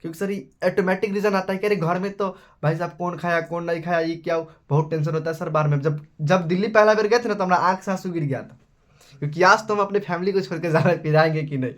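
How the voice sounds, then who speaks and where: A man's voice: high-pitched, fast talker, a bit bright. A young man with a Bihari accent teaching maths in a live class, chatty and scolding, calling his students beta. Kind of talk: casual Hindi live class.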